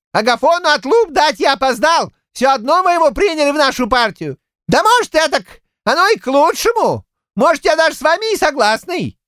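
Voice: high voice, a bit bright, no room sound, studio quality. A performer voicing a garrulous, boastful old Cossack man who rambles in folksy village speech, in an audiobook. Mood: self-satisfied. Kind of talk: audiobook character voice.

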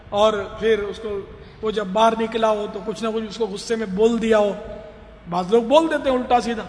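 A man's voice: sits high, big-room sound, a little hiss or hum. A man preaching a sermon, telling stories and acting out the voices of people pleading. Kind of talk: religious sermon.

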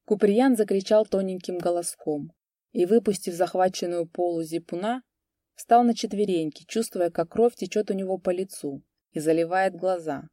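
A woman reading a story aloud as its narrator, in a measured, dramatic storytelling manner. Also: fairly low pitch, dark tone, no room sound, studio quality. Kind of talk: scripted audiobook narration.

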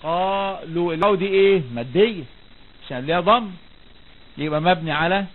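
High-voiced Egyptian man teaching grammar. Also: brisk. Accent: Egyptian Arabic. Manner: asks questions and answers them himself, repeats key words. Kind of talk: classroom lesson. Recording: tinny lo-fi recording, faint background noise.

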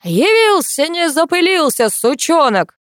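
A woman reading an audiobook, voicing a grumpy, foul-mouthed old grandfather who grumbles his lines in a gruff, sullen manner. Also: sits high, very animated, a little slow, a bit bright, no echo, studio quality, pitched above the performer's own voice, full character voice. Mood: outraged. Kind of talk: audiobook character voice.

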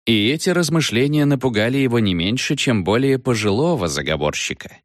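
Man reading a comic audiobook, low voice, very lively, dry close mic. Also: a little fast, no echo. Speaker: audiobook narrator. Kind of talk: scripted narration.

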